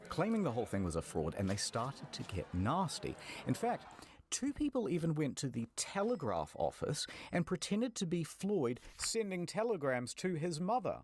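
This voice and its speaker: A man's voice: fairly high pitch, a little mellow, husky, no room sound. A man narrating a scripted documentary story in a wry storytelling manner.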